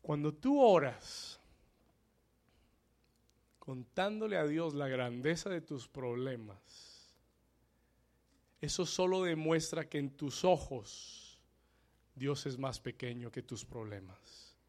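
A man preaching a sermon, repeating his lines in English after Spanish and building into shouted declarations of prayer, calling on the congregation to respond. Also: fairly high pitch, expressive, slow pace, pauses often.

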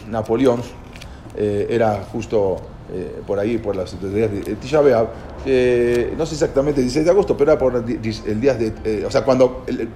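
A man giving an informal history lecture, halting and repeating words as he goes and often checking in with his listeners. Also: mid-range voice, warm tone, slight background noise. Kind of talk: informal spoken lecture with storytelling.

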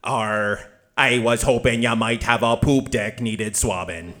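A man's voice: mid-range voice, a little slow, bright, forceful tone. A man playing a swaggering pirate robot. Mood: grumbling. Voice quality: gruff pirate talk.

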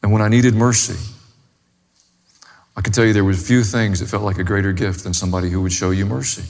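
In a long, reverberant hall with faint music behind him, a pastor preaches a sermon. His voice is lowish with vocal fry, and he speaks emphatically and plainly, driving points home with short repeated phrases.

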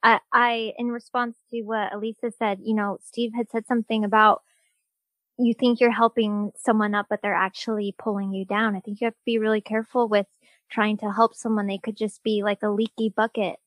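A woman's voice: mid-range voice, little pitch movement, a little fast, fairly bright tone, no echo. A woman in a casual group podcast discussion who responds in a thoughtful, slightly hesitant way. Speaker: podcast participant.

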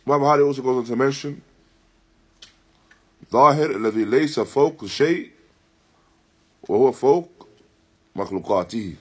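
Live-streamed from an Islamic centre, this lecture features a man whose slightly husky voice is mid-range and a little mellow. Teaching from a text, he speaks in slow, halting phrases, stresses points by repeating them, and recites Arabic.

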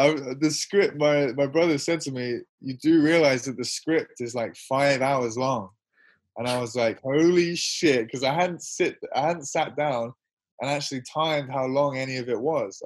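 A young man chatting as an interview guest, rambling and self-mocking, laughing often as he talks. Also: medium pitch. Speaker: interview guest, musician and filmmaker. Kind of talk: casual interview chat.

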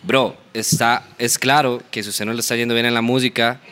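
Young tico guy on a podcast, bright voice, ranting fast and slangy, costa rican accent. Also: medium pitch, fairly even intonation, smooth. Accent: Costa Rican Spanish. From Costa Rica. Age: young adult. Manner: emphatic, slangy, fast rants. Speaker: podcast guest. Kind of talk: casual podcast chat.

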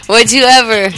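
A woman hosts a radio show. She speaks slowly in a slightly high voice, laughs often, and puts cheeky questions to her guests while hip hop music plays clearly behind her. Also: poor audio. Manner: laughing, asks teasing questions. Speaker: radio host. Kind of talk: casual radio banter.

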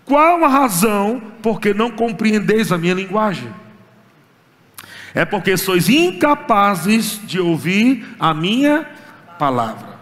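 Brazilian male pastor, high voice, fervent sermon with pauses, long reverb of a big hall. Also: very animated, a bit bright. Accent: Brazilian Portuguese. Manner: preaching with rising fervor and pauses.

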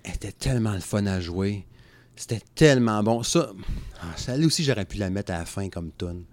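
A man's voice: lowish voice, lively intonation, fairly quick, darkish tone, slight background noise. A man in his thirties with a Quebec French accent, rambling casually about music on a podcast and laughing often. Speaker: podcast co-host.

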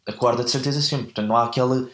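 A man's voice: medium pitch, steady tone, racing, fairly bright tone, echoey room. A man with a European Portuguese accent, telling a story in casual chat, rambling and often correcting himself. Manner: rambling, self-correcting, laughs at own mix-ups.

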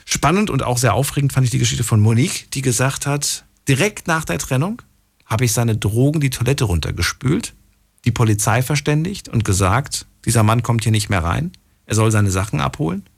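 A male radio host with a gravelly, husky voice runs a late-night call-in show. He presses his caller with eager, probing questions. His pitch sits in an ordinary middle range. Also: animated, a little fast.

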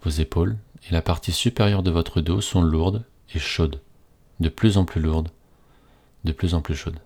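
A man reading a scripted guided relaxation in a slow, soothing, hypnotist-like manner with repetitive phrasing. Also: low-pitched, a little mellow.

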